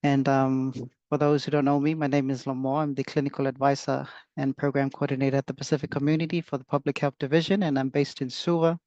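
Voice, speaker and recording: A man's voice: medium pitch, flat delivery, fast talker, hardly any pauses, darkish tone, no room sound. Hesitant man lecturing online. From Samoa. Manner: hesitant, many fillers and restarts. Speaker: clinical advisor giving a webinar talk. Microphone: video call. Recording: dull lo-fi video call audio.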